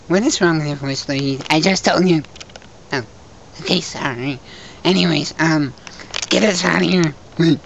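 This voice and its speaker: A woman's voice: sits low, dull audio, slight background noise. A woman presenting and voicing toys in a homemade plush show, talking hesitantly with many fillers.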